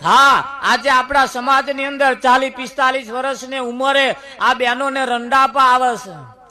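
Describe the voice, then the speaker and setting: A male preacher delivers a folksy moral sermon full of stories. His voice sits very high and bright, with a forceful, tense edge. He keeps pressing the listeners with rhetorical questions. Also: fairly even intonation, a little slow. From Gujarat.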